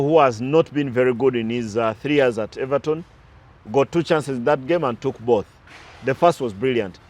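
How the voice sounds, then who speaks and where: A man talking through recent football matches as a pundit, analytical and prone to side stories, with some restarts. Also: medium pitch. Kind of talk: casual sports talk.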